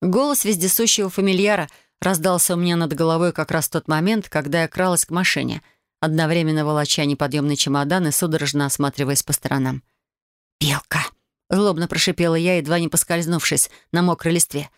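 A woman narrating a first-person fantasy audiobook in a lively, wry way, voicing the dialogue. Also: low-pitched, quick pace, no room sound, clean studio sound. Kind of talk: audiobook fiction reading.

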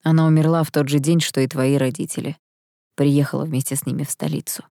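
A woman's voice: deep voice, moderate pace, darkish tone, no echo, clean studio sound. A woman reading as a cheeky, haughty young angel man. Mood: grim. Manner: mocking, cheeky, flippant. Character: sarcastic young male half-angel, nineteen, haughty.

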